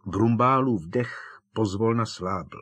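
A man reading an audiobook as the narrator, telling the story in a steady, dramatic way. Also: fairly low pitch. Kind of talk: scripted narration.

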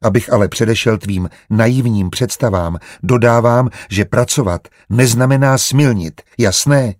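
A man reading as a calm, teasing young doctor. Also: medium pitch, dry recording, clean studio sound, lightly acted. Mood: patient.

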